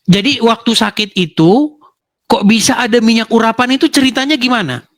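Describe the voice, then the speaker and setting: A man's voice: very high-pitched, brisk, fairly bright tone. A male host interviewing a caller, prompting her with brief questions and murmured acknowledgements.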